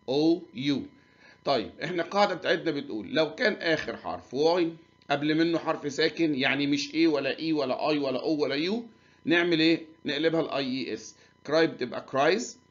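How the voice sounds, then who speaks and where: A man with an Egyptian Arabic accent teaching English grammar, saying example sentences slowly and then explaining them quickly. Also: on the high side. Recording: dull lo-fi recording.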